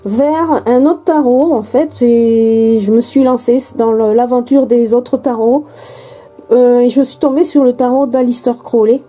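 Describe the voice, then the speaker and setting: A woman's voice: a little high, steady tone, measured pace, warm tone, faint music behind, poor audio. A woman from France chatting casually and hesitantly while unboxing a card deck, with many fillers and restarts. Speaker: tarot and oracle card vlogger.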